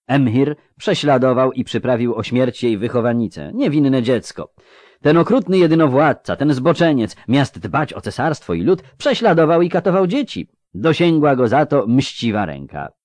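A man's voice: medium pitch, sing-song, moderate pace, darkish tone, no echo, lightly acted. A man reading an audiobook, voicing a male conspirator who persuades his fellow plotters. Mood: persuasive. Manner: persuasive, rousing.

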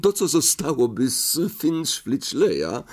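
A cold, sneering wizard schoolmaster voiced by a man reading aloud drawls every word with slow, deliberate menace. His pitch rises and falls in lively, mocking curves. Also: exaggerated voice. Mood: scornful.

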